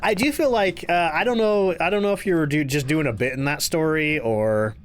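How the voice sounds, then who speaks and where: A man's voice: fairly high pitch, a little fast, smooth. A man streaming a horror game, chatting casually with viewers and musing to himself as he plays.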